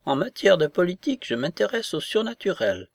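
A man voicing an excitable, fanatical old aristocratic woman in a read-aloud novel. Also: sits high, fairly quick, vocal fry, dry recording, voice pushed up, exaggerated voice. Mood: cold. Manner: agitated, exclaiming, insistent.

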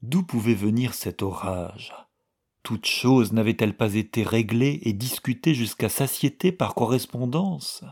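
A man narrating a novel in a measured, even storytelling manner. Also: mid-range voice, breathy edge. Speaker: audiobook reader.

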